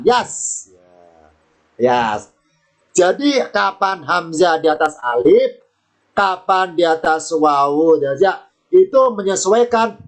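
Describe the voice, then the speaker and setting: A man teaching Quran reading in an online lesson, patient, repeating words and asking rhetorical questions. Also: high voice. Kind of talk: online lesson with screen sharing.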